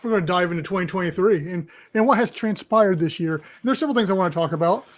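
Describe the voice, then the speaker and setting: A man's voice: high voice, fast talker. A man co-hosting a podcast in casual chat, rambling with many fillers and restarts. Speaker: podcast co-host leading the show.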